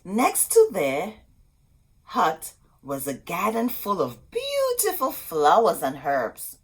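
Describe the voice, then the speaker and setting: This woman reads a children's storybook aloud expressively, adding asides directly to her young audience. Her voice is mid-range with a breathy edge, swooping wildly in pitch, and she takes her time.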